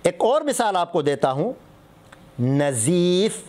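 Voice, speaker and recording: A middle-aged man teaching as a mufti, his voice sitting noticeably high. He explains patiently, setting similar words against each other to show how the meaning shifts. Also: animated. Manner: explains patiently with contrasting word examples. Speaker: mufti teaching Islamic rulings. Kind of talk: religious lesson on Quran recitation.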